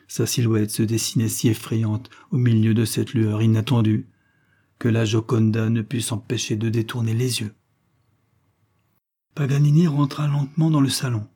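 A man reading a nineteenth-century story aloud as narrator, in a measured literary manner. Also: medium pitch, warm tone.

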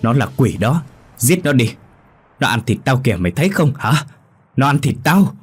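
A man's voice: on the low side, steady tone, fast talker, a little mellow, husky, faint music behind. A man voicing a terrified young man who pleads for help, breathless and sobbing. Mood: panicked. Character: terrified young man fleeing a possessed friend.

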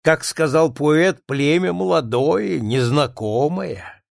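A man voicing a jovial, sententious older uncle who speaks loudly and slowly. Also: fairly high pitch, wildly swooping pitch, creaky, breathy edge, full character voice.

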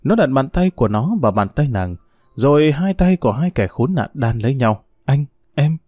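A man narrating an audiobook in an expressive storytelling voice. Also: medium pitch, moderate pace, dry recording, clean studio sound.

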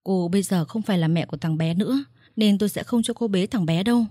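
A woman's voice: mid-range voice, quick pace, mellow, dry recording, studio quality, natural voice. Woman playing a coolly triumphant wife. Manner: composed, icily polite.

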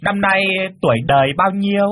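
A man voicing a sneering middle-aged mother who nags and mocks her daughter's suitor in a sarcastic, fast rant. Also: high voice, fairly bright tone, pitched above the performer's own voice. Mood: scornful.

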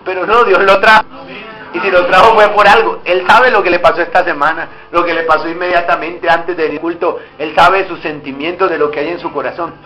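A man's voice: sits high, fairly even intonation, a little fast, sharp tone. A man preaching a sermon as pastor, acting out back-and-forth dialogues with God. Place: church hall. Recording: echoey church hall with faint music.

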